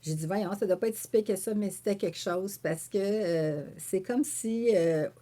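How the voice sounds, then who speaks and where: A painter and author with a Québécois French accent tells a story in an interview, speaking at a medium pitch. She is an animated storyteller who acts out her own quoted remarks and fills pauses with "euh" and "tu sais."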